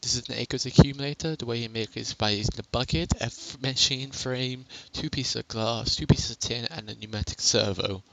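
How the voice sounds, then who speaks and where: Young male gamer, gravelly, chatty home-recorded tutorial voice. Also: medium pitch, brisk, few pauses, a little hiss or hum, low-quality recording. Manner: rambling, self-correcting, chatty. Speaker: game tutorial narrator. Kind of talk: casual gameplay tutorial. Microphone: headset.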